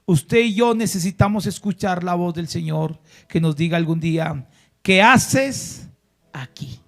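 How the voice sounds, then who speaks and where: A man with a notably high voice preaches a sermon in a church, pressing his listeners with question after question. He swings from loud exhortation down to hushed, drawn-out emphasis and has the congregation repeat lines back to him. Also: level tone, gravelly. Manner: preaching with rhetorical questions and call-and-response. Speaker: pastor.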